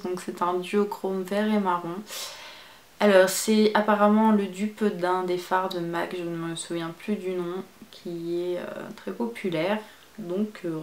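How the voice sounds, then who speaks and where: Female beauty vlogger, casual and enthusiastic, mid pitch, roomy echo. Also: a little mellow. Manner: chatty, enthusiastic describing shades. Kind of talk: casual makeup review.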